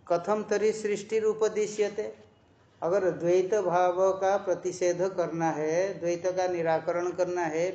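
A man teaching scripture, reciting Sanskrit verses and then explaining them in Hindi in a measured, repetitive way. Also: high voice, darkish tone. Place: ashram hall. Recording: roomy, dull lo-fi recording.

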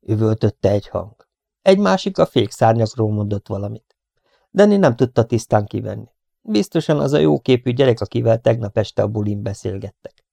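A man reading a war novel aloud as an audiobook, with dramatic delivery that jumps up sharply in pitch and volume for shouted lines. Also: lively intonation, vocal fry, no echo. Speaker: audiobook reader.

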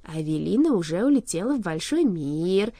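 A lordly shadow king, as a woman narrator puts him on, cold and gloating in a storybook reading. He talks slowly and loudly, with a pitch that swoops up and down. The tone is mellow, in a dry, close room. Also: big pitch swings, no echo. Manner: slow, loud, lordly.

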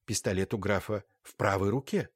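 A man voicing a courteous aristocratic baron who speaks in a measured, deliberate way. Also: on the low side, slightly rough, dry recording, clean studio sound. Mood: grave.

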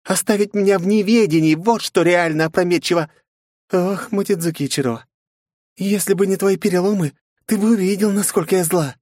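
A man's voice: sits high, brisk, darkish tone, no room sound, studio quality, voice pushed up. A man voicing a haughty, possessive young princess who snaps, scolds and threatens in an audiobook. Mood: furious, threatening. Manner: snapping, scolding, menacing. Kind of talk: audiobook character voice.

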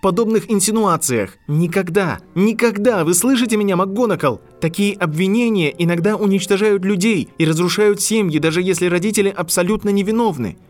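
A man reading an audiobook, voicing an angry, indignant eleven-year-old boy wizard who shouts in fast outbursts. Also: a little high, expressive, voice pushed up, lightly acted. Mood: furious. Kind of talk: audiobook narration.

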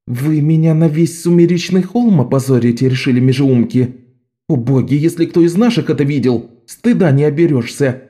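A man voicing a bossy, sharp-tongued young girl thief who leads a gang of boys, scolding and commanding. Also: fairly high pitch, animated, moderate pace, voice pushed up, natural voice.

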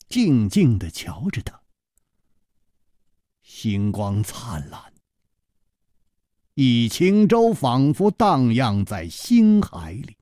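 Male radio storyteller, slow and very lively in pitch, dry close studio mic. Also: no echo. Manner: expressive, performing all voices. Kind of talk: radio novel reading.

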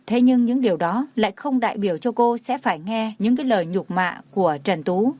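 A woman narrating a dramatic story as an audiobook in a steady reading voice. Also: mid-range voice, a little fast, no room sound.

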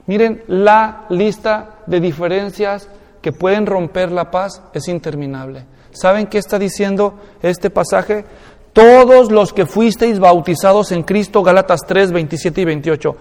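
A Mexican pastor with a Mexican Spanish accent delivers an expository sermon in a fairly high voice. He acts out everyday examples with lively swings. His voice rings through a large hall with a long reverb. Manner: animated, acts out everyday examples with rising pitch.

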